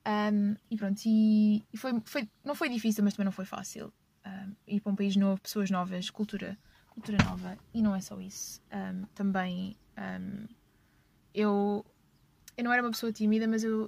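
Her voice is mid-range and darkish with some vocal fry: a young European Portuguese-accented woman hosting a podcast from a parked car. She recounts personal stories casually, laughing often and self-correcting as she talks.

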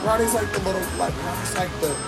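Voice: mid-range voice, quick pace, creaky, loud music behind the voice. A speaker in casual chat, brash and teasing, full of swearing and slang.

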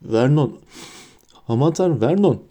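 A man's voice: mid-range voice, animated, normal speed, dark tone. Man playing a fussy, anxious aunt; shaky, raised voice, storybook reading. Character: nervous fussy middle-aged aunt.

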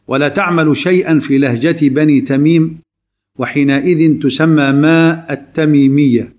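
Didactic male lecturer, slightly high voice. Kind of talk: recorded grammar lesson.

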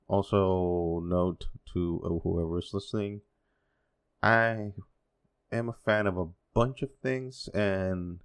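Hosting his podcast alone, this Spanish-speaking man from the Dominican Republic, in his forties, talks in a smooth, low-pitched voice. He wanders from point to point, full of fillers, wry sarcasm, and jokes at his own expense.

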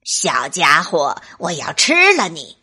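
A woman's voice: sits low, wildly swooping pitch, takes it slowly, sharp tone, pitched below the performer's own voice, full character voice. A woman growling as a menacing big grey wolf. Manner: gruff, threatening.

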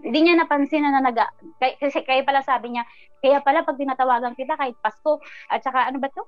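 A woman guest recounting her personal story in an interview, earnest and animated, often trailing off with fillers. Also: high-pitched, quick pace, no echo. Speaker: guest, business owner. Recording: muffled sound with faint music.

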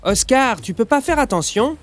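A man voicing an excitable, bossy young girl, the big sister in a children's storybook. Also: very high-pitched, moderate pace, a little hiss or hum, voice pushed up. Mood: scolding. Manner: excited, exclaiming.

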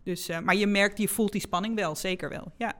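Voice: mid-range voice, fairly even intonation, brisk, a bit bright. A politician talking casually about a new role, chatty and full of hesitations. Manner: chatty and hesitant, many fillers and restarts. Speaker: newly elected politician, interviewer. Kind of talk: casual conversation.

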